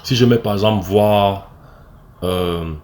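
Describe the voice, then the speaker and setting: A man's voice: lowish voice, slow, darkish tone. A man with a Cameroonian French accent, an acting coach explaining step by step, with fillers and restarts and frequent "ok?" checks. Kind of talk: screen-recorded tutorial.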